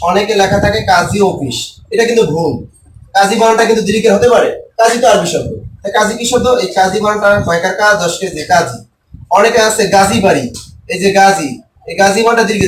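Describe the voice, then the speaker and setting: A man teaching a spelling lesson for exam takers, repeating and spelling out words slowly and asking questions he then answers himself. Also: high-pitched, reverberant, recorded from a distance, slight background noise, poor audio.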